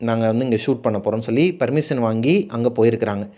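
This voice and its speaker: A man's voice: mid-range voice, steady tone, racing, dark tone. Chatty man telling horror stories. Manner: chatty, addresses viewers directly. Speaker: horror story host. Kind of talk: casual horror storytelling.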